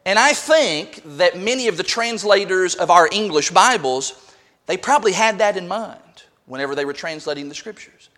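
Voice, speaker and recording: A man's voice: sits high, fairly bright tone. A man preaching a sermon in a church, explaining a word to the congregation and asking them questions. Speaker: pastor.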